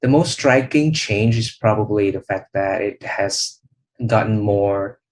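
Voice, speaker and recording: Thoughtful young man, low voice. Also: slight background noise, low-quality recording. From Vietnam. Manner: thoughtful, many "um" and "you know" pauses. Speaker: channel host, interviewee. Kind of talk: speaking test practice answers.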